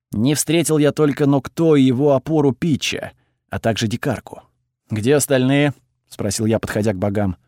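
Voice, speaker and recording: A man narrating a first-person fantasy audiobook in a steady, measured way. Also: mid-range voice, no echo, studio quality.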